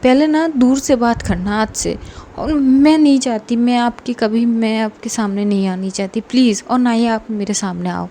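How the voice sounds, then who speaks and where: A woman's voice: on the high side, normal speed, warm tone, close to an everyday voice. A woman voicing an upset young woman who insistently pleads with someone to stay away. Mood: pleading. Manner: pleading, insistent, repeats please.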